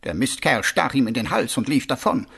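A man's voice: mid-range voice, animated, a little fast, gravelly, a bit bright, slightly rough, full character voice. A man voicing an earnest young male watch captain who reports dutifully and formally to his superior.

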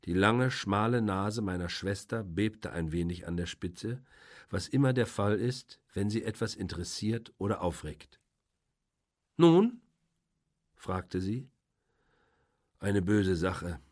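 A man narrating a novel in the first person, in a measured, dry storytelling manner. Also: on the low side. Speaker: audiobook narrator.

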